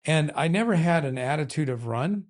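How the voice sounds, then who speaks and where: A man's voice: on the high side, animated, normal speed. Older guy cohosting a podcast w his wife, rambly and honest, jokes at himself. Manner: candid, rambling, self-deprecating. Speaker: podcast co-host. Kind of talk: casual chat.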